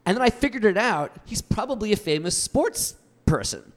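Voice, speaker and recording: A man's voice: high-pitched, sing-song, moderate pace. Chatty man telling a rambling story. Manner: rambling storyteller, many restarts, acts out quotes. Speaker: podcast guest. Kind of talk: casual chat.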